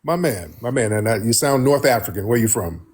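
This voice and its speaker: An American man hosts a casual live talk in a husky, medium-pitched voice. His speech is blunt and colloquial. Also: expressive, a little fast. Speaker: host.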